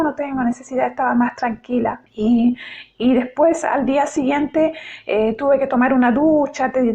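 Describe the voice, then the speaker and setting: High gravelly woman testifying. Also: dark tone, muffled recording. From Chile. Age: middle-aged. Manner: heartfelt, halting retelling with many restarts. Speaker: churchgoer giving a testimony. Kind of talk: personal faith testimony.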